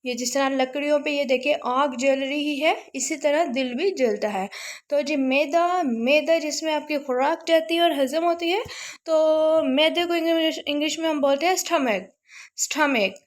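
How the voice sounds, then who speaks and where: A woman teaching English vocabulary, repeating each word slowly and drawing out its pronunciation. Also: high-pitched. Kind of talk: casual spoken vocabulary lesson.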